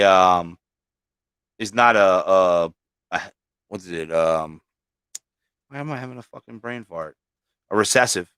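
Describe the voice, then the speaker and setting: A man's voice: mid-range voice, pushed and bright, smooth, dry recording. A man hosting a livestream about breeding snakes, chatting casually, with frequent fillers and swearing. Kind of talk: casual chat.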